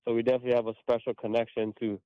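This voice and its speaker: A man's voice: medium pitch, racing, clear, resonant tone, no room sound. Easygoing man on a dull phone line. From Hawaii. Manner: relaxed, easygoing, a little hesitant. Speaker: football player guest. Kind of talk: phone interview.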